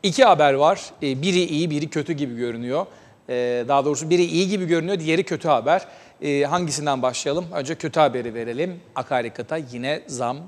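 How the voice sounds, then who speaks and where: A man hosting a TV talk show, giving news commentary with a measured delivery and many hesitant filler sounds. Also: fairly high pitch, big-room sound.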